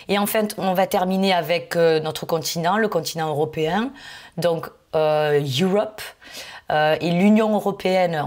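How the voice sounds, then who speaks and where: A woman with a fairly low voice gives an online English lesson. She explains patiently and fills pauses with hesitant fillers. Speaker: English teacher.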